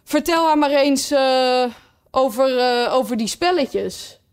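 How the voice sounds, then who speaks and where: A woman voicing a gruff, impatient male griffin who talks in a brusque, bossy way. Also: high voice, animated, slow pace, pitched above the performer's own voice, full character voice.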